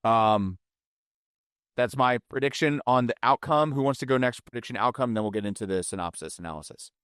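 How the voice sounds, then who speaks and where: A man hosting a casual wrestling podcast with a playful, animated delivery that slips into announcer-style build-ups. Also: medium pitch, brisk, clean tone, dry recording, clean studio sound. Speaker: podcast host.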